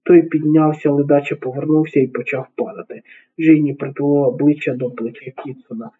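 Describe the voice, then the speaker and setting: A man narrating an audiobook in a steady, even reading voice. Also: fairly high pitch, brisk. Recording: narrow phone-like sound.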